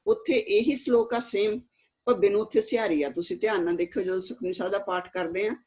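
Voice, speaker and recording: Husky-voiced woman teaching scripture pronunciation. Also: mid-range voice, a little mellow. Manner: slow, deliberate demonstrations of each word; checks in with frequent tag questions. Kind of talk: religious pronunciation lesson.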